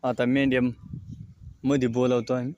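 A man's voice: mid-range voice, little pitch movement, moderate pace, clean tone, dull audio. A man filming his sheep outdoors near the pen, casually talking viewers through the scene and pointing things out to them. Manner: addresses viewers as friends, keeps pointing things out. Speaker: shepherd vlogger. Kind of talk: casual narration to camera. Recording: loud outdoor noise, bleating sheep. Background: bleating sheep and lambs.

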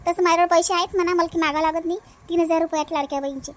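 A performer voices a chatty young married village housewife in a cartoon family comedy, using a very high, childlike voice with a colloquial Vidarbha Marathi accent. The delivery races along with fairly even intonation.

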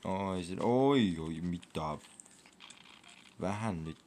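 A young male gaming vlogger with a deep, vocal-fried voice offers relaxed, talkative commentary over his play, punctuated by sudden whoops and squeals. There's a slight hiss or hum on the recording, plus faint game music.

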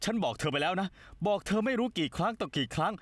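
Brief: high-voiced, fast, dismissive young rock star, dry close dub. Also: male voice, sing-song, no room sound. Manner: curt, dismissive. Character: arrogant, short-tempered young rock star. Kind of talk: Thai dubbing of a TV drama.

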